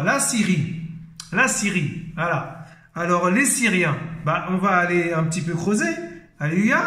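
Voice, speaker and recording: A man with a high, slightly bright voice leads an informal Bible word study in an echoey room. He's enthusiastic and full of exclamations of praise, yet often hesitates with fillers and restarts.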